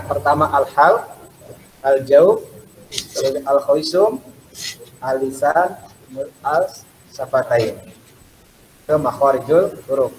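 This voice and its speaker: A male recitation teacher with a slightly raised voice, speaking very slowly and patiently as he drills letter sounds for students to repeat. The room is echoey, with a faint hiss of background noise. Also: on the high side, darkish tone. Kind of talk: Quran recitation class.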